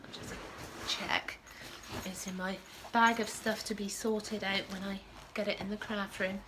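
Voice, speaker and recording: A woman hosts a casual knitting podcast from home, her mid-range voice flat and a little slow over some background noise. She's sniffling from a cold that's just starting and rambles, correcting herself often.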